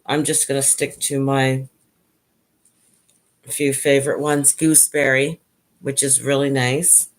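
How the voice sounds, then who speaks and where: A middle-aged woman hosting a casual home chat, talking in a relaxed, hesitant way. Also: extremely low pitch, unhurried, long pauses. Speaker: channel host.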